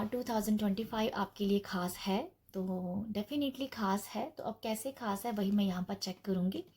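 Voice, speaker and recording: A woman giving a casual pick-a-card tarot reading, gentle and reassuring, thinking aloud with soft fillers. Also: mid-range voice. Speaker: tarot reader.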